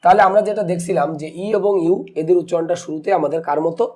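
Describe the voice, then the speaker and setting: A man with a fairly high but mellow voice teaches a grammar lesson. He keeps asking questions and answering them himself, and he stretches out example words slowly. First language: Bengali. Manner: slow deliberate spelling and pronouncing of words. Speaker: English teacher.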